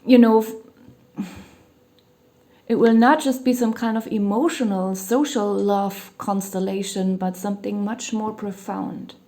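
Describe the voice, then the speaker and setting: Slightly hoarse from a cold and losing her voice, a tarot reader from Germany delivers a relaxed monologue in a mellow, even tone at a measured pace. She meanders with fillers like "you know" and soft hedges. She's at home near a hospital, where sirens sound outside.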